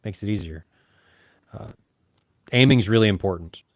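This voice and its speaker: Lowish guy chatting on a podcast, jokey and loose, dry close sound. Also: moderate pace, vocal fry, no echo. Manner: chatty, joking, self-deprecating. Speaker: podcast co-host. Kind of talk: casual chat.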